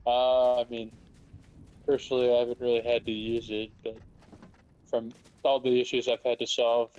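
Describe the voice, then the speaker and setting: A man's voice: medium pitch, flat delivery, moderate pace, darkish tone, highs cut off. A man talking in casual chat, blunt and dry, swearing freely. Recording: faint background noise.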